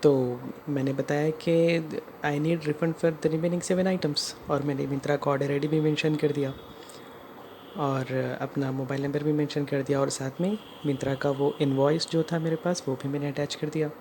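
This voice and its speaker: An Indian video creator narrates her own customer complaint, mixing English phrases into the explanation. The voice is medium-pitched, a little mellow, flat in delivery and a little slow. Background noise is clearly audible.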